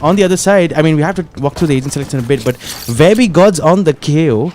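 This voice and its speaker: A man's voice: fairly high pitch, expressive, fast, a little mellow, slight background noise. A man with an Indian English accent casting an esports tournament, chatty and analytical, laughing now and then. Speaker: esports caster. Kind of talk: play-by-play commentary.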